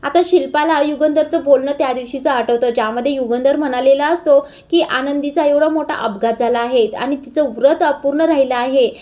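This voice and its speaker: A woman retelling a TV serial episode in a steady storytelling manner. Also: high-pitched, fairly quick, few pauses.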